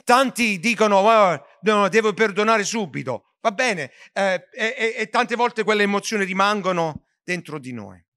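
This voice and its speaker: A man's voice: high-pitched, animated, moderate pace, few pauses, pushed and bright. A man preaching a sermon as pastor, earnest, with frequent restarts and stumbles over words.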